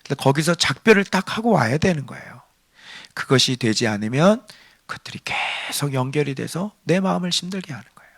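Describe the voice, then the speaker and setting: Impassioned high-voiced preacher. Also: male voice, animated, a little fast, creaky, no room sound. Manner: swings between hushed near-whispers and loud emphatic preaching; asks the congregation rhetorical questions. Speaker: pastor. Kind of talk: sermon.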